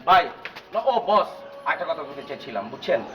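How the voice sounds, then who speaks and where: A gossipy young sidekick, slightly high and quick. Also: male voice, animated, pushed and bright, a little hiss or hum, low-quality recording. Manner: sly, gossipy tattling. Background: music.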